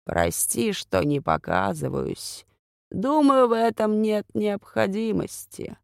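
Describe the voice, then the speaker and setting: A woman voicing an unseen old female seer whose disembodied voice speaks slowly and cryptically from the darkness, a little hoarse. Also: medium pitch, big pitch swings, a little mellow, no room sound, studio quality, voice pushed up, exaggerated voice. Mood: calm. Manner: slow, cryptic, speaks in riddles. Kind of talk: audiobook character voice.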